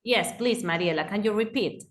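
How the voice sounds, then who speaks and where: A woman's voice: mid-range voice, moderate pace. Argentine woman, phonology teacher on a video call, bilingual, keeps asking "ok?". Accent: Argentine Spanish. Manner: mixes Spanish and English, checks understanding often. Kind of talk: online class explanation.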